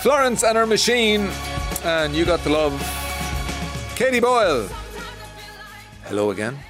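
Jokey Irish radio host. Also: male voice, high-pitched, big pitch swings, measured pace, over loud music. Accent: Irish Midlands. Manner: jokey, laughs along with guest. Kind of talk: radio interview.

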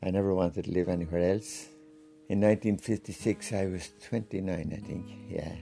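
An Irish man of about eighty, a former hurler, introducing himself in a slow, plain way. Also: deep voice, steady tone, vocal fry, warm tone, faint music behind. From County Wexford, Ireland. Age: around 80.

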